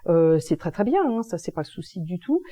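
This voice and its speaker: A woman's voice: fairly low pitch, big pitch swings, a little fast, warm tone. A woman explaining astrology in a casual, chatty monologue, using informal slangy expressions. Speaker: energy healing and astrology presenter.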